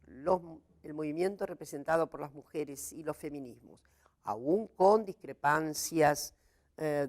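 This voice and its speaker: A woman from Argentina, a gender studies scholar, giving a measured academic talk for a seminar, pausing often with hesitant fillers. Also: sits low, mellow.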